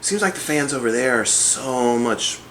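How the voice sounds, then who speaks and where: Halting male interviewer. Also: mid-range voice, lively intonation, a bit bright, slight background noise, poor audio. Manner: halting questions with many fillers. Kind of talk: casual interview questions.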